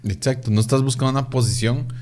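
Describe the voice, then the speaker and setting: A man talking in an animated, emphatic way, full of rhetorical questions, in a casual faith conversation. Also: mid-range voice, quick pace.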